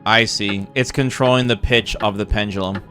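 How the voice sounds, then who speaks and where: A man's voice: on the low side, steady tone, normal speed, sharp tone, soft background music. A man streaming a co-op puzzle game, thinking aloud and laughing often as he talks to his partner. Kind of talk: casual co-op game chat.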